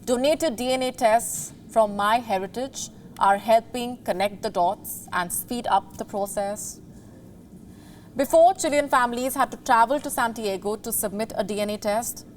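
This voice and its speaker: A woman presenting a scripted news feature in a dramatic, deliberate storytelling manner, pausing for emphasis. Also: on the high side, slight background noise.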